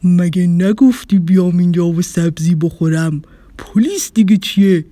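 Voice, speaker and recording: A woman voicing a big, friendly, hungry male dinosaur in a children's storybook, calling out loudly. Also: fairly low pitch, fairly even intonation, no echo, pitched below the performer's own voice, close to an everyday voice. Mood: puzzled.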